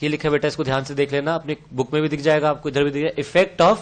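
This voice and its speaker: A man with a high voice and Indian English accent runs a revision lecture in a classroom. He fires question after question at his students, calling them "beta" and answering them himself. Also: steady tone, fast talker. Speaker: teacher.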